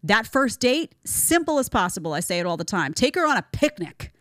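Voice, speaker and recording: A woman's voice: mid-range voice, big pitch swings, brisk, fairly bright tone, no room sound, studio quality. A woman hosting a social commentary podcast, talking emphatically and with strong opinions. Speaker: podcast host.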